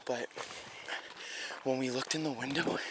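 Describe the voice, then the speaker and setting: Breathless young man, hushed and urgent. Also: medium pitch, fairly even intonation, unhurried, heavy background noise. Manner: hushed and urgent, swearing often. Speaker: vlogger. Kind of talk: breathless vlog narration.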